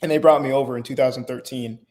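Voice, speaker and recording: A man's voice: mid-range voice, fairly even intonation, quick pace, darkish tone. A young man in his late teens, born in Haiti, answering interview questions in a hesitant way with fillers and restarts. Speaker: guest.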